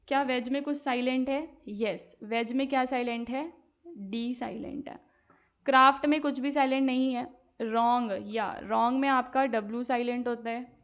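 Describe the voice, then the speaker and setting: A woman teacher explaining exam answers step by step, mixing Hindi and English and often checking with her students. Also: on the high side. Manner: slowly spells out English sentences word by word while dictating. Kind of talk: exam-prep lesson.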